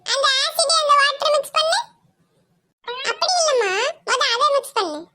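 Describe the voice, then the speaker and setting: A cocky teenage cartoon schoolboy brags to a girl and waves off his friend. His voice sits very high and bright. He talks. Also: expressive, moderate pace, full character voice. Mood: boastful, sweet. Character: boastful teenage schoolboy show-off.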